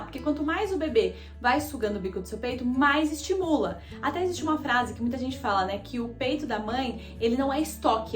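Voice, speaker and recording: Talking to camera with a Brazilian Portuguese accent, a young Brazilian woman shares a personal story in chatty, confessional fashion, calling her viewers "gente." Her voice is high-pitched, and the sound is roomy.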